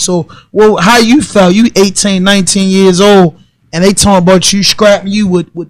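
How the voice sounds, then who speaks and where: A man's voice: high-pitched, no echo. A man in his forties with a Baltimore accent, hosting a podcast and asking blunt, probing questions in loose street talk. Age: 40s. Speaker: podcast host. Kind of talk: casual interview chat.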